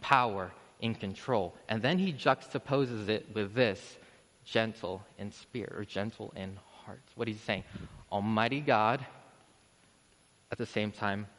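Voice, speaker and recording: A man's voice: on the low side, unhurried, fairly bright tone. A man preaching a sermon in a church, casual and conversational, restarting sentences and building to emphatic peaks. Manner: conversational, self-interrupting, rising to emphatic peaks. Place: church sanctuary. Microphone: podium microphone. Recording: long church reverb.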